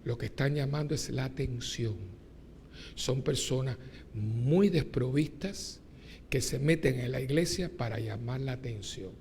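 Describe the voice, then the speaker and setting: A man, a priest giving a lively homily at mass, joking and asking his congregation rhetorical questions. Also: medium pitch, unhurried, a little hiss or hum. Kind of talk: sermon. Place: church during mass.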